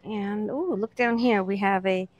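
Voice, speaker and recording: Slow-talking woman browsing a shop. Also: mid-range voice, steady tone, a little mellow, no echo. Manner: chatty, pointing out items one by one. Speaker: vlog host, reseller. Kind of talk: casual commentary while browsing a shop.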